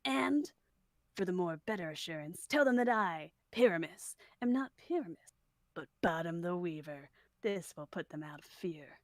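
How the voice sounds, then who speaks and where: A woman voicing a boastful male weaver with a lowered, blustering delivery. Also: animated, normal speed, no room sound, close to an everyday voice.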